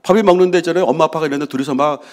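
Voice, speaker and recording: A man's voice: on the high side, rapid-fire, darkish tone. A middle-aged man, preaching a sermon to his congregation as pastor in a conversational way, asking questions and answering them himself. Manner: acts out voices of quarreling people. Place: church sanctuary.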